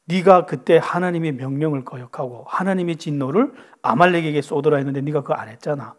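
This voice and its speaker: A man's voice: mid-range voice, moderate pace, lightly acted. A man voicing a stern, contemptuous spirit that scolds a king, within a sermon. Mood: scolding. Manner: scolding, harsh.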